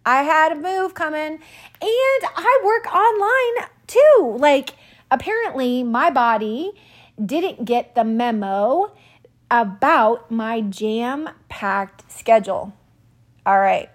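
A woman in her forties hosting a podcast, telling a personal story in a quick, animated, self-mocking way, a little out of breath. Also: fairly high pitch. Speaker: podcast host. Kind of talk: personal monologue.

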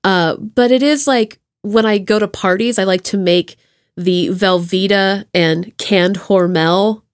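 A woman with a mid-range, unhurried voice hosts a podcast, chatting casually in an interview. She's playful and self-deprecating.

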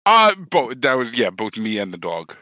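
A man's voice: medium pitch, wildly swooping pitch, normal speed, sharp tone, no room sound, low-quality recording. A man co-hosting a podcast, telling stories in casual, rambling, profane chat. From New Jersey. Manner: rambling, profane, self-deprecating. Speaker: podcast co-host.

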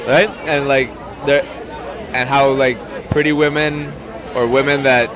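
A man's voice: medium pitch, level tone, a little slow. A man hosting a casual podcast, chatting hesitantly with many restarts and laughs, recorded at a busy outdoor market bar. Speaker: podcast host. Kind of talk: casual chat. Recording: loud crowd noise around. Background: crowd chatter.

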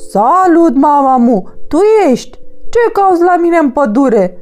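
A woman voicing a loud, bossy male crow who shouts and retorts indignantly in a storybook reading. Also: high-pitched, expressive, faint music behind, voice pushed up.

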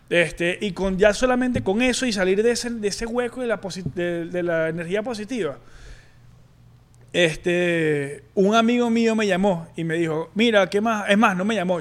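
A young man with a Venezuelan accent candidly telling a personal story on a podcast, halting and full of slang. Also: high voice. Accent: Venezuelan Spanish. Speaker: podcast co-host.

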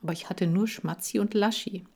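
A woman narrates a children's storybook with lively, playful expression. Her voice sits on the lower side and she reads at a slow, careful pace. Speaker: audiobook reader.

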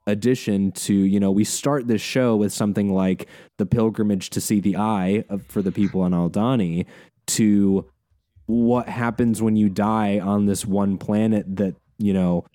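A man co-hosting a casual podcast, animated and quick to laugh, with many fillers and restarts. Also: lowish voice, dry recording, studio quality. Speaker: podcast co-host.

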